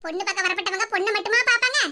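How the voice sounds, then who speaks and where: A woman voicing chatty, bossy middle-aged village neighbor women with a Tirunelveli Tamil accent, talking in fast, squeaky, teasing chatter. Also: noisy background.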